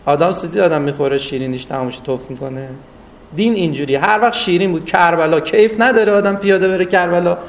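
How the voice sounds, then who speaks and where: A man giving a religious lecture with stories, rising for emphasis and drawing out recited Arabic phrases. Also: sits high. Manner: animated, rises for emphasis, drawn-out Arabic recitation. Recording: distant mic with faint noise.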